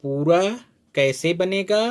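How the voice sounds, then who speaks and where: A fairly high-voiced man teaches in an unhurried, deliberate way. He stretches each syllable out and keeps asking the learner how to read it. The sound is of a patient classroom lesson. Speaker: Hindi teacher. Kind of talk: slow spoken lesson at a board.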